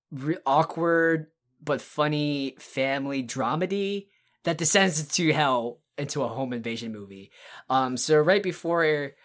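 Low-voiced woman, rambling podcast co-host. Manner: rambling, enthusiastic retelling with many fillers and restarts. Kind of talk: casual podcast chat about horror films.

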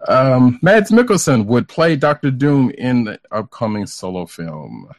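With a mid-range, sing-song voice, this man speaks unhurriedly and without echo. He's a podcast co-host casually discussing comic book and entertainment news, often qualifying what he says.

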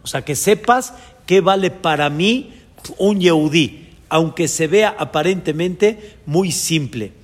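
A man with a Mexican accent, a rabbi giving a Torah lesson in a lively way, acting out people's thoughts and chuckling as he explains. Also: on the high side, takes it slowly. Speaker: rabbi teaching a class. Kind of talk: Torah lesson on a biblical book. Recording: long hall reverb.

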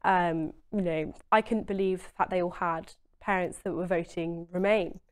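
Earnest young woman, lowish voice. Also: steady tone, moderate pace. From Essex, England. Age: 20s. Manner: earnest, emphatic, frequent "you know". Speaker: interview guest. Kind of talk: conversational political interview.

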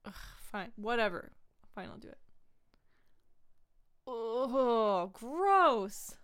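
A woman's voice: a little high, animated, very slow, a bit bright, smooth, heavily acted. A woman voicing a reluctant, whiny teenage son in an improvised comedy sketch.

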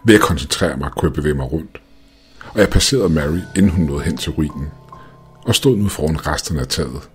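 A man narrating a first-person ghost story in a calm, measured reading. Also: rumbling low. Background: faint music.

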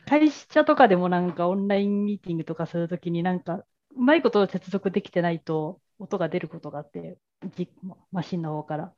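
A woman's voice: lowish voice, expressive, fairly quick, few pauses, a little mellow. A woman co-hosting a podcast in casual tech chat, candid and chatty about her small worries. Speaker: podcast co-host. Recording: muffled, dry close mic.

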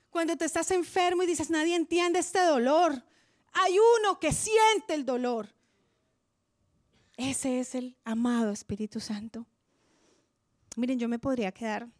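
A woman preaching a sermon in a church, impassioned, swinging from loud declarations to hushed near-whispers. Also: high voice, no room sound, studio quality.

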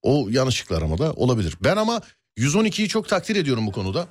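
A man hosting a casual radio show, chatting playfully and telling stories in an animated way. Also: mid-range voice. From Turkey. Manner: animated storyteller, quick and playful. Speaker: radio host. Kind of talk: casual studio banter.

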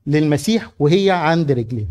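Brisk Egyptian man directing a church play rehearsal, raised voice. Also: on the high side. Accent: Egyptian Arabic. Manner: animated, explaining. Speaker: drama director. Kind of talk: coaching a church drama rehearsal.

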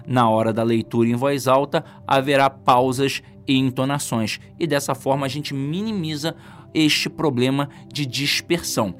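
A man with a Brazilian accent teaching an exam-prep lesson in a casual, joking way, asking himself questions as he goes. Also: fairly high pitch. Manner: lively, joking, asks himself rhetorical questions.

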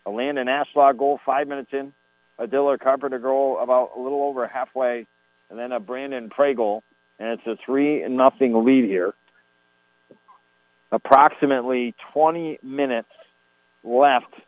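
A man's voice: medium pitch, no room sound, low-quality recording. AM radio soccer commentator, a man, dry sound. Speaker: play-by-play sports commentator. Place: at a school soccer match.

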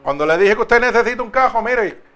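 Emphatic male preacher with a high voice, faint guitar underneath. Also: animated, brisk. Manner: emphatic, swings between loud and soft. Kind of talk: sermon.

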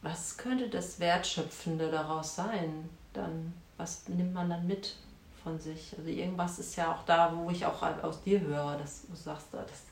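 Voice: medium pitch, steady tone, a little slow, reverberant. An interviewer who thinks aloud while asking questions, searching for words with many fillers. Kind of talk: conversational interview.

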